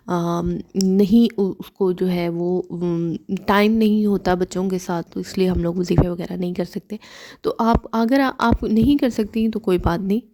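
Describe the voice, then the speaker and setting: A young adult woman from Pakistan giving earnest, casual spoken advice in a vlog, repeating herself and often pausing with "um". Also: medium pitch, mellow. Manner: earnest and repetitive, with many "um" fillers. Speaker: vlogger.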